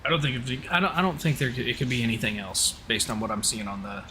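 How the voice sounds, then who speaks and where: A man from the southern United States, specifically Oklahoma, talks at a quick pace in a medium-pitched voice. He's casual and teasing as he streams a flight simulator live, and the voice chat picks up steady background noise.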